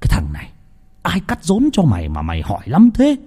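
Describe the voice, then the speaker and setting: A man's voice: fairly high pitch, wildly swooping pitch, fairly quick, mellow, breathy edge, long reverb tail, pitched above the performer's own voice, exaggerated voice. A man voicing a hot-tempered middle-aged village father who curses and barks orders. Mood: bossy. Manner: coarse, cursing, bossy.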